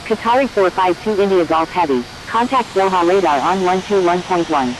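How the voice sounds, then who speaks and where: A woman's voice: fairly quick, lightly acted. A woman voicing a formal flight simulator radio operator in clipped, procedural cockpit-headset phraseology. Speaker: air traffic controller and pilot radio voice. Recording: clear steady hiss and rumble.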